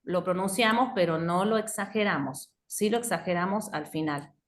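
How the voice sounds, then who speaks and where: A woman's voice: on the low side, normal speed. A woman with an Argentine Spanish accent teaching phonology on a video call, switching between Spanish and English and checking often that students follow. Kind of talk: online class explanation.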